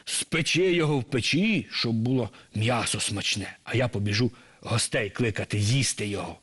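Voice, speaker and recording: A man voicing a wicked, hungry female snake monster in a shrill, screeching, menacing voice. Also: moderate pace, a bit bright, slightly rough. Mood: threatening. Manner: menacing, bossy.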